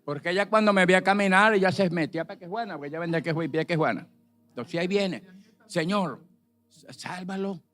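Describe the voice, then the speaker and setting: A middle-aged man giving a personal testimony in church, plain-spoken and filling his pauses with "pues". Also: high-pitched, fairly bright tone. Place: church service.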